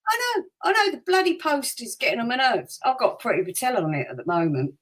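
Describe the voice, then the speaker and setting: A woman's voice: a little high, wildly swooping pitch, fast. A woman guest chatting casually, telling stories expressively. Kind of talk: casual chat.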